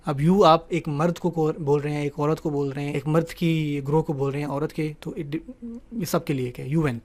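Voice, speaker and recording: Male teacher, higher voice, patient online grammar explainer who slips English terms into his talk. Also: darkish tone. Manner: explanatory, asks "ٹھیک ہے نا" often; mixes English words into the talk.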